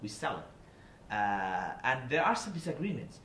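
Giving a public talk in a university seminar room, this Kurdish-native guest speaker from Iraqi Kurdistan has a sing-song, medium-pitched voice that's a bit bright and a little slow. He explains earnestly, restarting often. The table mic sits a seated distance away, and the room echoes with faint noise.

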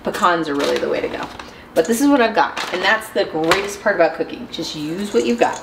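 A woman's voice: on the low side, lively intonation, fairly quick, creaky, noisy background. A woman in her thirties chatting upbeat and giggly as she demonstrates recipes in a small RV kitchen. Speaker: cooking vlog host. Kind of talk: casual cooking demonstration. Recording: roomy with background music.

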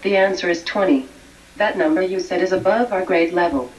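A female computer voice playing a strict preschool teacher, flat and synthetic, heard from afar. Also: fairly low pitch, a little fast, close to an everyday voice. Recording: distant, faint room noise.

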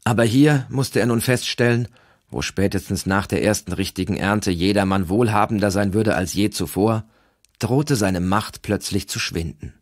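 A man reads a novel aloud as an audiobook narrator, steady and measured in his scripted delivery. His pitch is fairly low, and the studio-quality recording has no room sound.

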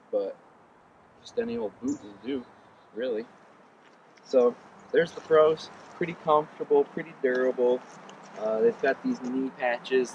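A man in his thirties giving a relaxed, rambling gear review to a camera on a riverbank. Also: mid-range voice, creaky, muffled recording, noisy background. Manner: relaxed, chatty, rambling with ums. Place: outdoors on a riverbank. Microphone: camera on tripod a few meters away.

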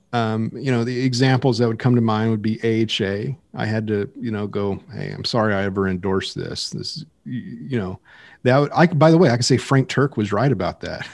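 A man, a pastor hosting a podcast, talking in a casual but emphatic, preachy way that climbs higher and louder as he gets worked up. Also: no room sound. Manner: emphatic, preachy, rises in pitch and volume when worked up.

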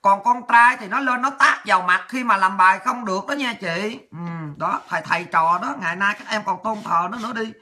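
A woman's voice: medium pitch, brisk, hardly any pauses, pushed and bright. A woman hosting a political commentary show, crude, combative and mocking.

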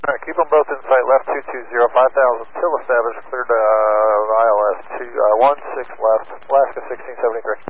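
A man speaking as an airline pilot over the radio, reading back clearances to air traffic control in clipped phrases. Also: mid-range voice, steady tone, fairly quick, few pauses. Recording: tinny, noisy aircraft radio channel.

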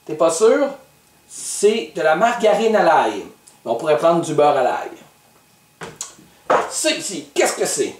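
A man's voice: fairly high pitch, very animated, takes it slowly, pauses often, a little mellow, far from the mic. Québécois man hosting a kids' cooking lesson, teasing and patient, recorded from afar in an echoey room. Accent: Québécois French. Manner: playful, teasing, patiently instructive. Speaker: host of a kids' cooking show.

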